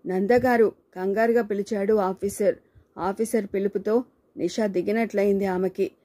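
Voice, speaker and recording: A woman's voice: mid-range voice, fairly even intonation, normal speed, dark tone. A woman reading a short story aloud as narrator, giving the dialogue light changes of tone.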